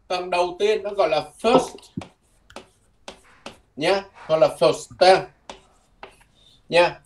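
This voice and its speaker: A man's voice: sits high, darkish tone. Patient male teacher. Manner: patient, repeats words slowly, ends phrases with "nha". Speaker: language teacher. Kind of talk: lesson explained from a textbook.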